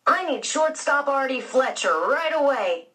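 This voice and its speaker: A woman voicing a mischievous young boy in a children's storybook reading, eager and quick to promise. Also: high-pitched, animated, fairly bright tone, voice pushed up.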